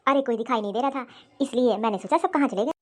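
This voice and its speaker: Doting cartoon dad, fast-talking and fond, voiced by a woman in a high voice. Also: natural voice. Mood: affectionate. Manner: warm, fussing, affectionate. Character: cheerful caring father of the bride, man. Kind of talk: animated cartoon voice acting.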